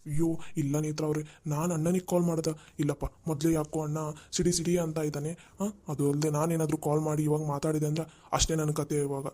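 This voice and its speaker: Cartoon young man, office pal, mellow warm tone, rambling nerves, plain voice. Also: mid-range voice, little pitch movement, a little fast, close to an everyday voice. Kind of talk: cartoon voice acting.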